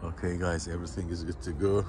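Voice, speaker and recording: Deep flat-voiced man on a building site. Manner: plain, repetitive, halting phrasing. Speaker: construction site supervisor. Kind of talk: walkthrough explanation on site. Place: outdoor construction site. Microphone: phone camera held by the speaker. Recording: phone audio with outdoor site noise.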